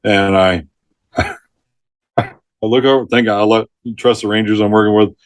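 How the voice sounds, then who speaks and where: A man's voice: on the low side, moderate pace, no echo. Middle-aged man telling rescue stories, dry sound. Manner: lively storyteller who laughs mid-sentence and acts out quotes. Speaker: retired forest ranger, podcast guest. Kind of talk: storytelling in a casual interview.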